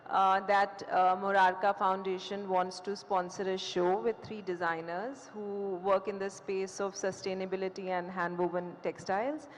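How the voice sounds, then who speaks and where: A woman's voice: medium pitch, flat delivery, moderate pace, hardly any pauses, slight background noise. Hesitant woman designer on a panel. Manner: hesitant, many fillers. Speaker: fashion designer. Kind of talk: panel talk. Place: conference hall stage. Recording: reverberant hall with faint ambience.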